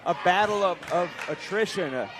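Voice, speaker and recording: A man doing live wrestling commentary, excitable and quick to exclaim at the big moves. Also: sits high. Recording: loud crowd noise, live event venue. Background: crowd and event noise.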